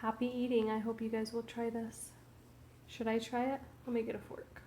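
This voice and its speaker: A woman narrating a casual cooking vlog in her home kitchen, calmly describing each step as she plates dinner. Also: a little high, roomy sound, slight background noise. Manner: slow, homely commentary while plating food.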